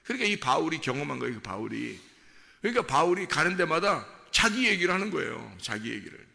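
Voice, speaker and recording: A male pastor preaching in a church sanctuary with a long hall reverb around him. His voice is high, gravelly and sharply bright, and it swings from hushed asides to impassioned, sing-song shouts. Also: big pitch swings, fast talker. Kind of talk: sermon.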